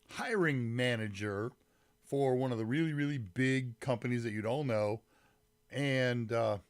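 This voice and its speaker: Hosting a relaxed live tech stream, this man rambles a bit, drops frequent fillers and calls out viewers in chat by name. His voice is somewhat deep and stuffy from a summer cold, picked up by a mic placed a little away, with no room sound.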